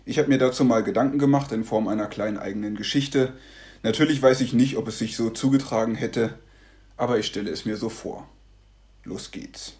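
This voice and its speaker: A man narrating a devotional story in a calm, measured way. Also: mid-range voice.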